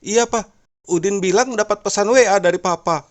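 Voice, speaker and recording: A man voicing a tearful young wife talking to her husband in a high falsetto. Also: moderate pace, lightly acted. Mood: whiny.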